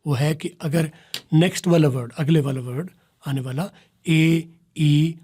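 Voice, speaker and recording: A man teaching spoken English pronunciation, explaining patiently, repeating examples slowly and often checking with "right?". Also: on the high side, mellow, a little hiss or hum. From Pakistan. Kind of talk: spoken English lesson in Urdu.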